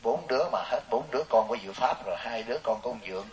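Animated monk preaching. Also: male voice, mid-range voice, very fast. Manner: animated, joking, storytelling with quoted voices. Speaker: Buddhist monk teacher. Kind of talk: dharma talk to a lay audience. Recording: hissy distant recording.

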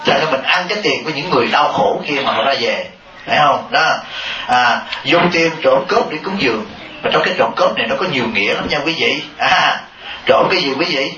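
A man giving a Buddhist Dharma talk to a congregation, lively and teasing, often asking the listeners questions. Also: medium pitch, brisk. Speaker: Buddhist monk. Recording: dull, echoey hall audio from a distance with noise.

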